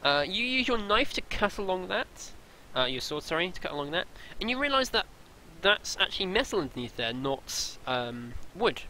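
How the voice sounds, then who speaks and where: A man's voice: sits high, big pitch swings, normal speed, few pauses, pushed and bright, a little hiss or hum, poor audio. A man running a tabletop role-playing game, narrating the scene with many fillers and restarts. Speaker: game master.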